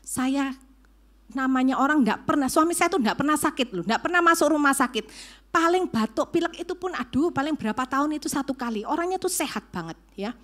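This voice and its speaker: A woman's voice: high-pitched, lively intonation, a little fast, a bit bright. A woman preacher, telling a personal story in a sermon and acting out the dialogue. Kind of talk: sermon testimony. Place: church service.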